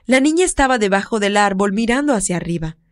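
A woman narrating an audiobook romance in an expressive storytelling read. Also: medium pitch, quick pace. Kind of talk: scripted narration.

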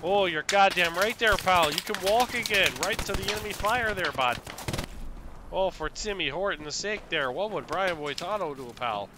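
A man's voice: sits high, animated, moderate pace. A man roleplaying in voice chat, laying on an exaggerated Canadian accent and calling everyone pal and bud. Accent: put-on Canadian. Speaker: gamer in voice chat. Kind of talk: in-character roleplay over game chat. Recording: noisy game chat over gunfire. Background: gunfire and explosions from a war game.

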